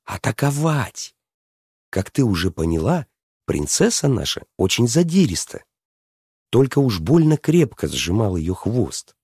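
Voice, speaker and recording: A man telling a fairy tale to a listener, lively and stopping to ask her questions. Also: on the low side, a little slow, slightly rough, no echo, studio quality. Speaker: storyteller.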